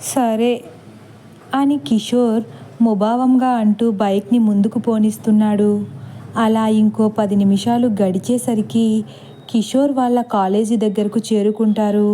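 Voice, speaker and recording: A woman narrating a horror story in a steady, measured storybook style. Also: mid-range voice, slight background noise.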